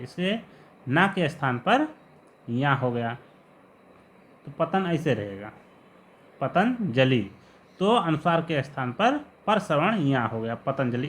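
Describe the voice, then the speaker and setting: Man teaching Sanskrit grammar, slightly high voice. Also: a bit bright, a little hiss or hum. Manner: patient, repeats each example word slowly. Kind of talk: explanatory lesson.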